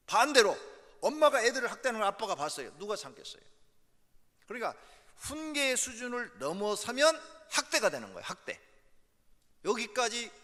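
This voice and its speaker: A man's voice: on the high side, pushed and bright. A male pastor preaching a sermon, emphatic, driving points home by repeating key words. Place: church sanctuary. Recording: echoey church hall.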